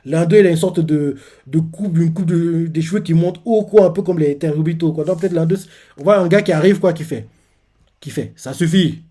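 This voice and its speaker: A man's voice: on the high side, brisk, mellow. A man hosting a live manga reaction. He retells a comic chapter in casual, rambling talk full of filler words and restarts.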